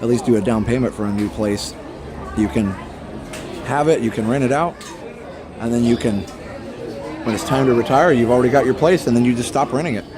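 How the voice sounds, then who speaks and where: A man's voice: medium pitch, a little fast, long pauses. A man hosting a live stream, chatting casually with viewers in an easygoing, conversational way from a busy public station. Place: busy public theme park transit station. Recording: loud busy crowd behind the voice.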